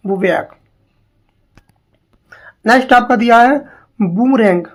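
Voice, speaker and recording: Slow, drilling woman teacher. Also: on the high side. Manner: slow, drilling, repeats words and asks questions. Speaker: English teacher. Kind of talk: spelling lesson for exam students.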